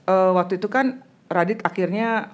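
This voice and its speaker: A woman hosting a casual podcast, gently asking her child a string of questions and often pausing with hesitant fillers. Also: medium pitch, highs cut off.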